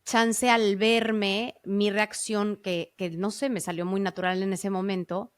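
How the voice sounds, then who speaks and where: A woman host tells her own story in a lively, casual way, stumbling over fillers and starting her sentences again. Her voice sits at a middle pitch. The close mic gives a dry sound with no room echo. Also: a little slow. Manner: animated, full of fillers and self-corrections. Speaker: podcast host.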